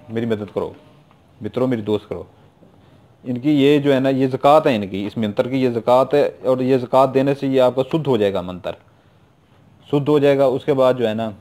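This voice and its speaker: A man's voice: mid-range voice, a little mellow. A middle-aged man with a Pakistani Urdu accent, giving casual spoken instructions on his YouTube channel and repeating himself often. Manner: repetitive, informal, keeps adding "theek hai na". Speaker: YouTube occult practitioner.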